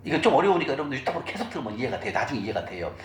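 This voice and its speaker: A man's voice: mid-range voice, sing-song, very fast. A middle-aged man giving a church finance lecture. He talks sermon-style and keeps asking the audience questions. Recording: echoey room recording with faint noise.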